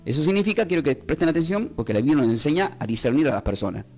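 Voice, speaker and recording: Animated Rioplatense pastor teaching Bible. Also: male voice, fairly high pitch, very fast, soft background music. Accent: Rioplatense Spanish. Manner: animated, conversational, asks the class frequent questions.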